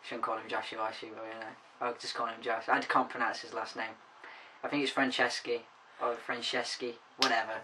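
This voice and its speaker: A man's voice: mid-range voice, flat delivery, fairly quick, pushed and bright, far from the mic, slight background noise, rough recording. A man chatting in a casual comedy vlog, rambling and joking around. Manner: silly, rambling, jokey. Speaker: vlogger.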